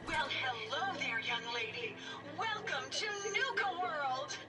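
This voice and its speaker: A bright, bouncy female robot guide with a metallic, synthetic edge, her pitch sitting high and leaping all over the place. She sells like an eager theme park mascot in a game. The sound is set back from the mic, over background music. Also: very animated, takes it slowly, far from the mic, full character voice. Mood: cheerful. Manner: sing-song, overly cheerful sales pitch.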